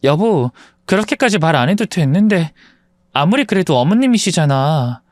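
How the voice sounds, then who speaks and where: A man voicing a gentle young wife who speaks softly and tentatively. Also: on the high side, very animated, moderate pace, no echo. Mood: tender.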